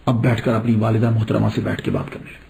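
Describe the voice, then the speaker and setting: A male preacher telling a religious story in a sermon, animated and asking rhetorical questions as he goes. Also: fairly low pitch, creaky, slight background noise.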